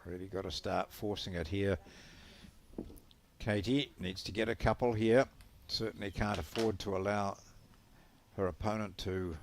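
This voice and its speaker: Slow, gravelly-voiced commentator man. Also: fairly low pitch, steady tone, a little hiss or hum. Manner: measured, unhurried calls. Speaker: sports commentator. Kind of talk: live sports commentary.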